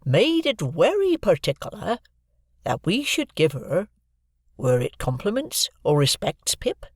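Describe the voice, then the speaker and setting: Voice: medium pitch, wildly swooping pitch, slightly rough, dry recording, studio quality, voice pushed up, exaggerated voice. Joe, a reader putting on a rustic, earnest blacksmith. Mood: careful. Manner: rustic, halting, earnest speech. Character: simple, kindly village blacksmith, grown man. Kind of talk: audiobook character voice.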